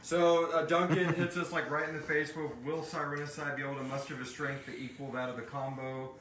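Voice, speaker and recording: A man with a fairly high, bright voice talks a little fast in a level tone, hosting a casual live Q&A for his show's audience. He jokes and sometimes hesitates while explaining things. The stream takes place in a room with several people, picked up by a roomy, distant mic with group chatter and slight background noise.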